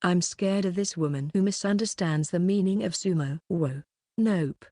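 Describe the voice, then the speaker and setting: A woman narrating a light novel audiobook in an even, plain reading style. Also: fairly low pitch, moderate pace, no echo.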